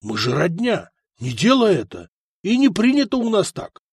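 A man's voice: high voice, huge pitch swings, moderate pace, slightly rough, no echo, clean studio sound, voice pushed up, full character voice. A man voicing a hot-tempered older duke who roars and blusters, in a storybook reading. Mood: wary. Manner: roaring, blustering.

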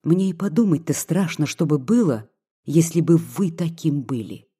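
Pleading with soft earnestness, a tearful, devoted young peasant woman is brought to life by an audiobook narrator. The delivery sits at medium pitch and normal speed, expressive, with a dark, mellow tone and a husky edge, much like a hushed storybook reading.

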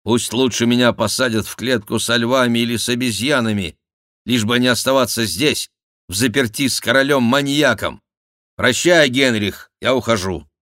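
A man reading an audiobook, voicing a cheeky, theatrical court jester with a high mocking voice. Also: normal speed, a bit bright, no room sound, studio quality, natural voice. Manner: mocking, shrill exclamations, mimicking. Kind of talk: audiobook character voice.

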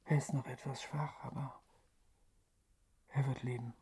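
Guy doing a tormented phantom in radio drama, resigned, slow halting half whisper, bit of noise. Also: medium pitch, flat delivery, mellow, natural voice. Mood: subdued. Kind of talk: radio play acting.

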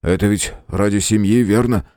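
A man's voice: lowish voice, steady tone, moderate pace, dark tone, no echo, clean studio sound, lightly acted. A man voicing a blunt, loyal soldier brother who talks earnestly in an audiobook.

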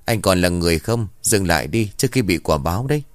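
Guy reading a sharp-tongued village girl, scolding, dry close sound. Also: sits low, animated, fast talker, dry recording. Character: young village woman, sharp-tongued and defiant.

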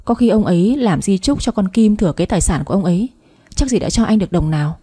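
A woman voicing a scheming young stepmother, shrill and quarrelsome, in a spoken story. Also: animated, fast, warm tone, breathy edge. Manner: shrill, nagging.

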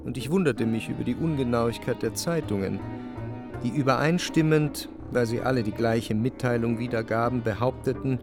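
This first-person narrator of a literary radio drama has a mid-range voice and a moderate pace, heard over music. Recorded close in a dry studio, he comes across as earnest and reflective.

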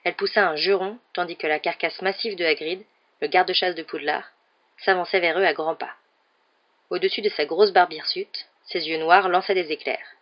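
A woman narrating an audiobook in a steady, measured storytelling voice. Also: on the low side, lo-fi sound.

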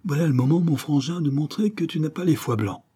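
A man's voice: animated, moderate pace, darkish tone, breathy edge. A man voicing a cocky, streetwise Parisian boy in an audiobook, slangy and brash. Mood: urgent. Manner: slangy, brash, raised pitch. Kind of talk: audiobook dialogue.

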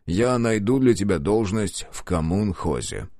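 A man voicing a calm, weary police chief who speaks slowly and measuredly. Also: fairly low pitch, no room sound, clean studio sound.

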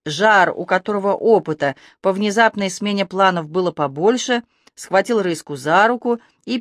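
Expressive audiobook narrator, dry close sound. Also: no echo. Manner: lively expressive reading that shifts pitch and loudness for action. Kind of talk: audiobook narration of a fantasy novel.

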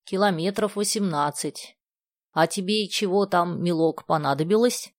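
A woman reading aloud and voicing a kindly, talkative old village woman who speaks in a slow, folksy way. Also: lowish voice, dry recording, close to an everyday voice. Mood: folksy chatter.

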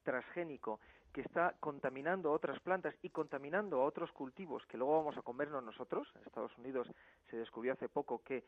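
A man's voice: mid-range voice, a little fast, no echo. A man speaking as a campaign spokesman in a phone interview, arguing his case firmly. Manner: firm, argumentative. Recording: tinny phone line.

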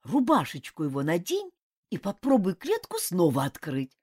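A woman's voice: on the low side, wildly swooping pitch, normal speed, darkish tone, husky, dry recording, clean studio sound, full character voice. A woman voicing a crafty old male house spirit who talks in a rustic, grumbling way in an audiobook. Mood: grumbling, folksy. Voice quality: rustic village speech, grumbling. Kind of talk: audiobook character voice.

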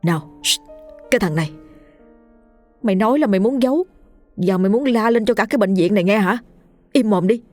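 A blunt young man who scolds his friend one moment and fusses over him the next, put on by a woman reading a story aloud. His tone is lowish, with a dry, close sound. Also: brisk, long pauses, a little mellow, no room sound, soft background music. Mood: blunt worry.

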